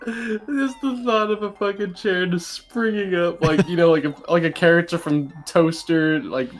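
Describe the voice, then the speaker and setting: A man's voice: sits high, moderate pace, faint music behind. A man commentating a speedrun race, joking and swearing in casual banter, laughing often. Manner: laughs a lot, swears freely.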